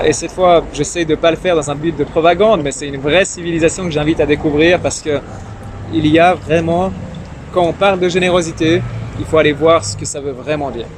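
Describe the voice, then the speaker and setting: This young adult man, born in Iran with Farsi as his mother tongue, appears as a young politician in a laid-back interview, sounding timid and stumbling over fillers and repeats. His voice runs a little high at normal speed, with noisy city traffic underneath.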